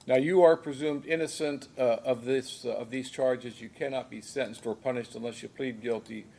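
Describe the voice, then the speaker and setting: An American man speaking as a judge, formally and procedurally questioning a defendant in a measured way with occasional hesitant pauses. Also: medium pitch, steady tone, gravelly, a little mellow. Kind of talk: formal plea hearing questioning. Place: courtroom. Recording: noisy courtroom recording.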